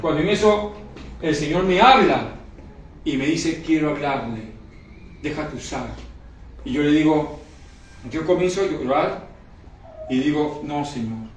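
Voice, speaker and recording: High-voiced preacher in an echoey room. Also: male voice, lively intonation, measured pace, long pauses. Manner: emotional, repeats phrases, asks the congregation questions. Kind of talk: sermon. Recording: echoey room, recorded from far off, faint noise.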